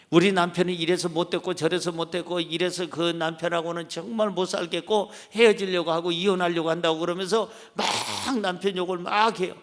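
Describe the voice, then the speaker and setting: High-voiced preaching pastor in an echoing hall. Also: male voice. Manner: emphatic preaching, acts out quoted voices. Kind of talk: sermon. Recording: long church-hall reverb.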